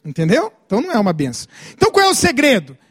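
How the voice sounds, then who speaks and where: Lively Brazilian pastor preaching. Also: male voice, very high-pitched, very fast, husky, no room sound. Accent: Brazilian Portuguese. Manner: animated preaching, calls to the congregation. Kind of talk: sermon.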